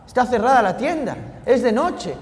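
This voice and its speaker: A priest giving an animated sermon that swings between hushed and loud. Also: male voice, very high-pitched, moderate pace, big-room sound.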